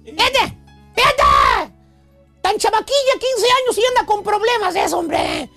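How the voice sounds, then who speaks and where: A man voicing an excitable male love professor who lectures in a theatrical, slangy radio comedy monologue. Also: extremely high pitch, unhurried, vocal fry, soft background music, full character voice. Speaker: radio comedy host character.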